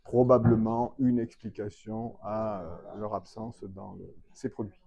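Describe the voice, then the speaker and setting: A man's voice: fairly low pitch, level tone, unhurried, creaky. A man, a veterinary public health professor, explaining his field in an interview with many hesitations and fillers, recorded with dull lo-fi sound. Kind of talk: expert interview answer. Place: trade fair hall.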